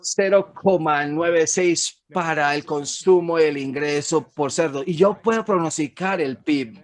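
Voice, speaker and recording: A man's voice: a little high, unhurried. A man, an economist, giving a frank, emphatic webinar presentation over slides, with some fillers and restarts. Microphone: webinar recording.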